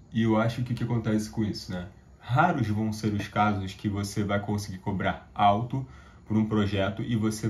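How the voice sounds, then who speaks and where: A young Brazilian man in his twenties talks through his advice to camera in a slightly low voice. He speaks casually and often stops to restart a thought. He keeps checking in with the viewer through short tag questions. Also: darkish tone. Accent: Brazilian Portuguese. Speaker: YouTuber giving career advice. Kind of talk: casual talking-head advice.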